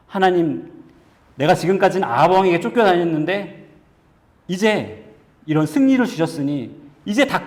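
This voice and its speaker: A man's voice: fairly high pitch, a little mellow, pitched above the performer's own voice. A male pastor voicing a weary male prophet who pours out his disappointment to God in prayer, with earnest raised speech.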